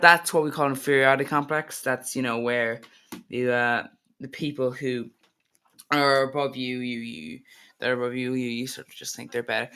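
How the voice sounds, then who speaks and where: A man's voice: medium pitch, sharp tone, clean tone. A man reacting to a video, giving hesitant, rambling casual commentary.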